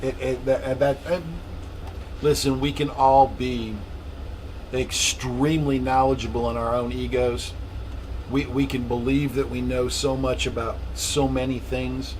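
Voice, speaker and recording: A man's voice: mid-range voice, level tone, measured pace, a little mellow, a little hiss or hum, low-quality recording. A man with an American accent talking bluntly in a casual opinionated discussion, repeating phrases for emphasis. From USA: South Carolina, Texas and Michigan. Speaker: panelist on a discussion show.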